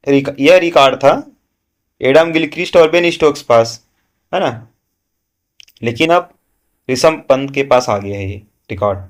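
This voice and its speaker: A man walks students through current affairs like a coaching class teacher. He keeps asking a question, then answers it himself, and checks in often with "है ना". His pitch sits in an ordinary middle range.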